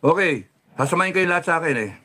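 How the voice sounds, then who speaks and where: Man, political rant, raised pitch, heated and cursing, drops low to steady himself. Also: fast. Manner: heated, cursing, swings between shouting and low controlled talk. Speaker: political commentator. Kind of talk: angry political rant livestream.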